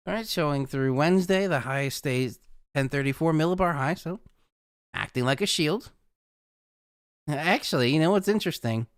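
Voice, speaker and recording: A man's voice: on the high side, moderate pace, pauses often, clear, resonant tone, no room sound, studio quality. A man hosting a casual live weather forecast, chatty and rambling, who laughs at his own jokes.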